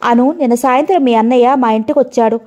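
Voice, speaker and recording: A woman's voice: on the high side, quick pace, mellow, muffled recording, natural voice. A woman reading a curt, hurt young friend. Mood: cold. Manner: cold, curt.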